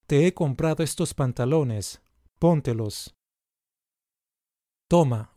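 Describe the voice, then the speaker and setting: A man reading short example sentences aloud for language learners, in a slow, deliberate, carefully enunciated way. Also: a little high, warm tone, no echo, studio quality. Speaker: language teacher.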